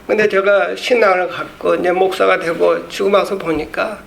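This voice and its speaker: Male pastor, emphatic sermon, high voice, roomy church sound. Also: steady tone, normal speed, vocal fry, a bit bright. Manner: emphatic preaching, leads congregation in reading aloud. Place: church sanctuary. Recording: echoey church room, faint background noise.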